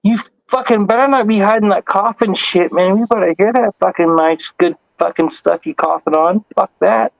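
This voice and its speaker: High-voiced, profane rambling man. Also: normal speed, creaky, few pauses, dry recording, highs cut off. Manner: rambling and profane, laughs often; loud and rowdy with viewers. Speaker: livestream host. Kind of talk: casual livestream chat.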